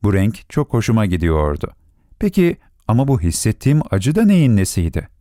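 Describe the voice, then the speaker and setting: A man narrating a storybook with a low, mellow voice that rises and falls with great liveliness. The sound is dry and close, with no room around it. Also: very animated, moderate pace, no room sound.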